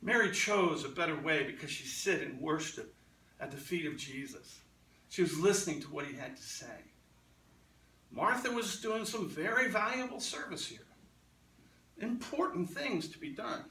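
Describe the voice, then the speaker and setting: A man preaching in a church with a high, lively voice that climbs and falls as he acts out quoted lines. His tone is bright and forceful. The sound is roomy and a little distant, caught by a mic set back from the pulpit. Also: normal speed, slight background noise. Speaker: pastor. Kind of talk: sermon. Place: church sanctuary.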